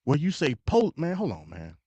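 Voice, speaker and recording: This American live-stream host talks politics casually and with strong opinions, emphatic and slangy, conversational, often repeating himself and stuttering. His fairly high, slightly mellow voice swings hugely in pitch at a moderate pace, and the dull, lo-fi audio has no room sound.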